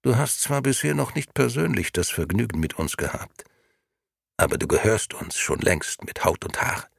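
A man reading an audiobook, voicing a menacing unseen male voice that speaks as "we", slow, taunting and condescending. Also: lowish voice, very animated, creaky, dry recording, studio quality, heavily acted.

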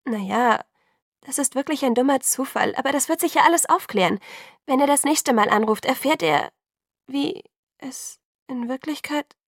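A woman's voice: on the high side, steady tone, brisk, creaky, no room sound, studio quality, voice pushed up. A woman reading an audiobook, voicing an anxious young heroine who speaks hesitantly and breathily.

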